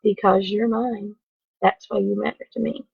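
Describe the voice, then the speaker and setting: A woman voicing a gentle, kindly male wood carver who speaks softly, slowly and reassuringly. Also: mid-range voice, little pitch movement, vocal fry, slightly rough, no room sound, phone-quality sound. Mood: tender. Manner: soft, slow, reassuring.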